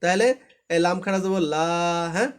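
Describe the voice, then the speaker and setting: High-pitched male tutor, drilling reading rules over an online class and checking that students follow. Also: moderate pace. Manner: patient, repetitive, often checks understanding. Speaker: Quran recitation teacher. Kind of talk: live online class instruction. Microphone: online live class.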